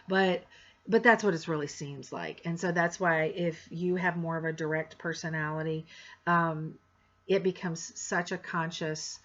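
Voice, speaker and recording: A woman's voice: fairly low pitch, bright, forceful tone, lo-fi sound. A woman instructor giving a course introduction in a frank, direct way with sarcastic asides. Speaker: college instructor.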